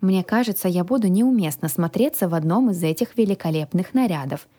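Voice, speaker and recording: Brief: female narrator for a fantasy audiobook, warm tone, expressive pitch. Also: a little fast. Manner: lively, voices the dialogue. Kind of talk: first-person audiobook narration.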